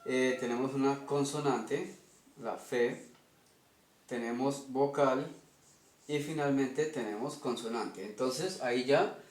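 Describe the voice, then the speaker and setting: Man, Colombian Spanish accent, teacher, methodical, slow delivery, echoey room. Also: medium pitch. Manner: methodical, checks in with "ok?". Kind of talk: explaining an invented language at a whiteboard.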